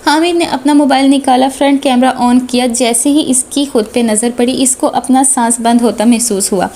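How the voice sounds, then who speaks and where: High-voiced woman reading a novel. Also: steady tone, moderate pace, a little mellow. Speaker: narrator. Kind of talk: novel read aloud.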